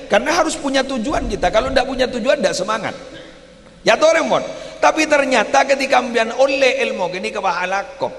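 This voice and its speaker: A man with a Madurese accent giving a humorous Islamic sermon, swinging between low asides and loud animated exclamations. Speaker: preacher. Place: large mosque hall. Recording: echoey mosque hall with long reverb.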